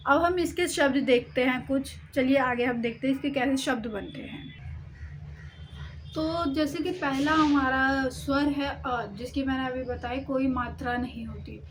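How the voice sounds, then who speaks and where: Slow, high-voiced woman teaching Hindi. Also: slight background noise, rough recording. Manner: slow, stops to correct herself, sounds out letters. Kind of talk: explaining a lesson on writing.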